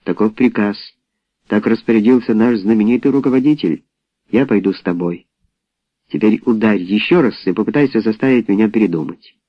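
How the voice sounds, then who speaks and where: A man's voice: fairly low pitch, fairly quick, no echo, natural voice. A man voicing a stubborn, weary woman in an audiobook, curt and clipped. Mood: defiant. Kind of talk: audiobook character voice. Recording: dull lo-fi audiobook recording.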